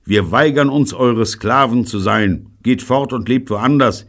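An audiobook narrator voicing a defiant boy who speaks out loudly and earnestly. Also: on the low side, sing-song, moderate pace, breathy edge, voice pushed up.

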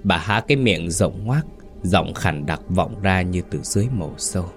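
A man's voice: low voice, expressive, normal speed, faint music behind. A man narrating a horror story in a suspenseful, dramatic way.

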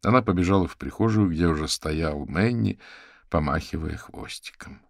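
Deep-voiced man narrating an audiobook. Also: normal speed, vocal fry, no echo, clean studio sound. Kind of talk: scripted narration.

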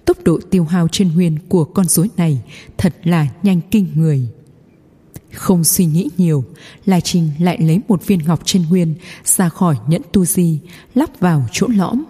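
A woman's voice: on the low side, moderate pace, warm tone, breathy edge. A woman reading a scripted fantasy story as an audiobook narrator. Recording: long hall reverb.

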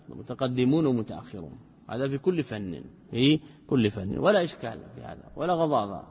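A man giving a classroom commentary on a text. He reads a line, then explains it slowly, repeats himself and puts questions to his students. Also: mid-range voice, big-room sound. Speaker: religious scholar teaching logic.

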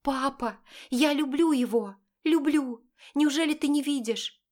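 A woman's voice: high voice, unhurried, a little mellow, pitched above the performer's own voice. A woman voicing a desperate, pleading young woman. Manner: pleading and emotional, rising and insistent. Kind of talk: audiobook character voice.

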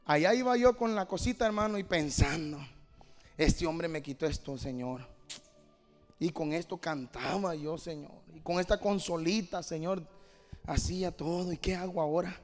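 A man pastor preaching a sermon, moving from quiet talk to shouted fervor and often calling the listener "mi hermano". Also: fairly high pitch, moderate pace, soft background music. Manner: peppers lines with "mi hermano". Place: church hall. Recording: long hall reverb.

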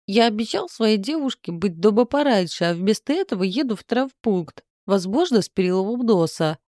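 A woman's voice: fairly low pitch, animated, moderate pace, dark tone, no echo, studio quality, close to an everyday voice. A woman voicing a blunt, grumbling young office worker in an audiobook. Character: brash young male office worker, nasal. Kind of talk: audiobook reading.

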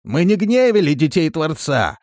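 A man reading an audiobook, voicing a hoarse, shaggy, bearded village peasant. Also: medium pitch, expressive, moderate pace, no room sound, clean studio sound, natural voice. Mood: wary. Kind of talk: audiobook character voice.

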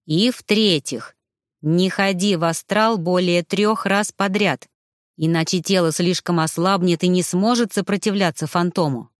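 A woman voicing a stern male ghost medium who speaks slowly and instructively in an audiobook. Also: on the low side, no echo, studio quality, lightly acted. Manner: slow, drawn-out, instructive.

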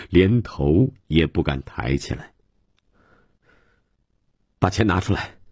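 A man narrating a novel for radio with measured, dramatic storytelling. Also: low voice, a little mellow, breathy edge, dry recording, studio quality.

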